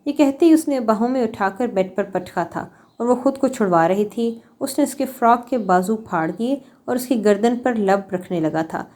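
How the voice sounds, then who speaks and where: A woman's voice: fairly high pitch, animated, few pauses, a little mellow. A woman reading an episodic novel aloud as narrator, in a dramatic storytelling manner.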